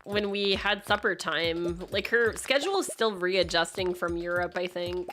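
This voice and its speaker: Bright-voiced Acadian woman streamer chatting casually. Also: lowish voice, moderate pace, slight background noise. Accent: Acadian Canadian. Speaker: live streamer. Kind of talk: casual chat to stream viewers.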